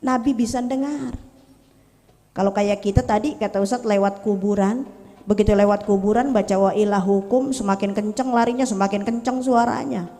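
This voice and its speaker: This woman preacher has a warm, steady, mid-range voice and a normal pace. She tells a story in her sermon and keeps things playful, trading jokes and banter with the audience, all carried by the long reverb of a hall.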